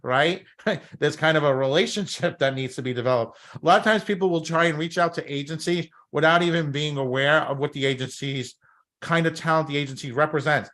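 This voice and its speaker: A man's voice: a little high, brisk, a bit bright. A man with a Brooklyn accent giving an instructional talk as a talent coach, emphatic and often checking in with short tag questions. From Brooklyn, New York. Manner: emphatic, often tagging phrases with "okay?" and "right?". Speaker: talent scouting coach and presenter. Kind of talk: instructional presentation.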